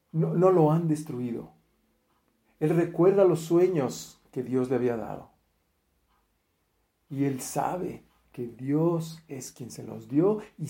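Man preaching, warm voice in a roomy hall. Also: medium pitch, creaky. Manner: lively storytelling, acts out quoted speech, frequent fillers and restarts. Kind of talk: sermon retelling a Bible story.

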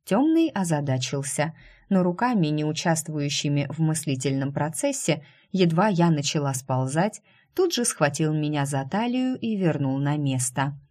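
A woman's voice: low voice, animated, normal speed, a little mellow. A woman narrating a first-person fantasy audiobook with wry, ironic storytelling.

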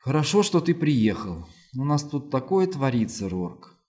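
A shaken husband in an audiobook, shaky and distressed, his voice raised above the reader's usual tone, as a male narrator reads him. The pitch stays in the middle for a man. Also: big pitch swings, unhurried, a little mellow. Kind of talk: audiobook reading.

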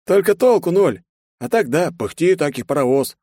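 A man's voice: fairly high pitch, lively intonation, moderate pace, dark tone, dry recording, clean studio sound, voice pushed up. Lyokha, a teasing young joker, voiced by a man. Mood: mocking. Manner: teasing, laughing. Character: laughing mocking young man Lyokha, playful.

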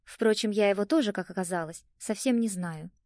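A woman narrating a first-person audiobook in a lively, expressive storytelling manner. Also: mid-range voice, a little fast, no room sound, studio quality.

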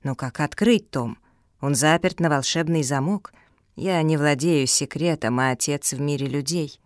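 A woman's voice: deep voice, normal speed, no room sound, studio quality, natural voice. Woman voicing a firm, clever male pug. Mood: measured.

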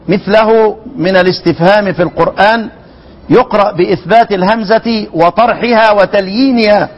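High-voiced Egyptian sheikh teaching recitation. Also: male voice, dull audio. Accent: Egyptian Arabic. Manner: repeats words with drawn-out demonstrations, quizzes students. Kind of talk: classroom lecture on recitation.

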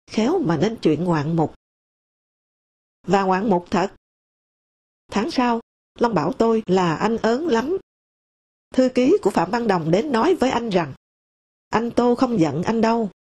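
A woman reads a memoir audiobook in a steady, measured way. Her voice sits a little high for a woman but has a warm, mellow tone. She reads the quoted conversations in her own voice and does not act them out. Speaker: audiobook narrator. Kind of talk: memoir read aloud.

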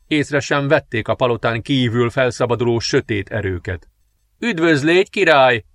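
A male audiobook narrator tells a dark fantasy story in a measured, dramatic way. His voice sits in a middle pitch. The recording is close-miked and completely dry. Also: dry recording.

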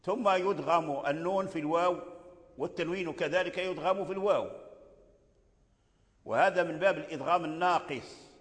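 An older man from Morocco gives a lesson on Quran recitation. He explains patiently and repeats his points in a fairly high voice. His voice trails off into a long, echoing reverb. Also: brisk, long pauses, fairly bright tone. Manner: explains patiently, repeats key phrases, chants examples. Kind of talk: religious lesson on tajweed.

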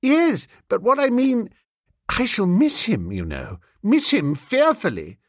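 A man doing a quivering, melodramatic young gentleman. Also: huge pitch swings, slow pace, no room sound, clean studio sound, full character voice. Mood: fretful. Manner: high, breathless, quivering pleading.

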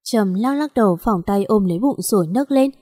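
A woman's voice: medium pitch, lively intonation, fairly quick, dark tone, slightly rough, no room sound, clean studio sound. A woman narrating a story aloud and voicing all the dialogue herself, getting sharper in the quarrels.

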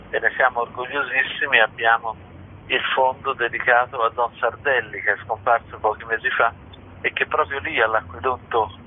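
A man with a medium-pitched voice speaks over the telephone in a radio interview, presenting information on behalf of an institution. The phone line sounds muffled and tinny, and there's slight background noise.

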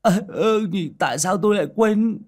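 A man voicing a brash, cowardly young male swordsman who clowns around and stammers in a high squeal. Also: animated, moderate pace. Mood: cheeky.

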